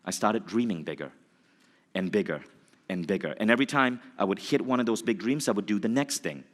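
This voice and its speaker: Man in his forties, motivational speaker, animated storytelling, lowish voice, long hall reverb. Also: brisk. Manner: animated, acts out dialogue, addresses audience.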